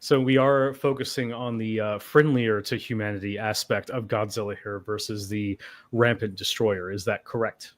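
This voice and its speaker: A man's voice: on the low side, fairly even intonation, moderate pace. A man hosting a livestream panel, talking casually with wry, rambling asides. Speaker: host.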